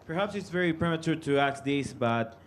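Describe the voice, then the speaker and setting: Halting male reporter from Ecuador. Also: on the high side, expressive, slight background noise. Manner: halting, searching for words. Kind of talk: press conference question.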